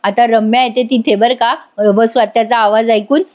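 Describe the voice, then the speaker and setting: A woman's voice: fairly high pitch, steady tone, moderate pace, a little mellow. A woman hosting a voice-over episode recap, talking chattily straight to the viewers. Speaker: serial review host.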